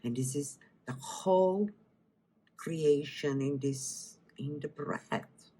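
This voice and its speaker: A woman from Bulgaria with a Bulgarian accent, a wellness teacher leading a guided breathing meditation and then a cooking demo, speaking softly and often trailing into whispers. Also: low-pitched, husky. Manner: slow, soft-spoken, drifting into whispers.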